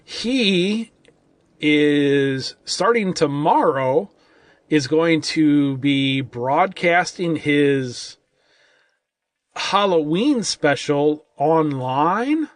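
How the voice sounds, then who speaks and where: A man's voice: a little high, lively intonation, very slow, no echo. A man co-hosting a casual movie-review podcast, rambling and loose, with lots of "like" and "I mean". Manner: rambling, full of "like" and "I mean", restarts a lot. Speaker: podcast co-host.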